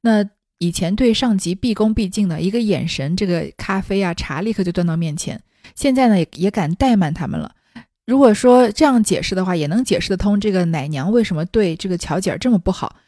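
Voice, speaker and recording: A woman's voice: medium pitch, expressive, fairly quick, mellow, dry recording, studio quality. A woman reading a classic novel aloud and adding chatty, explanatory commentary. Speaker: storyteller.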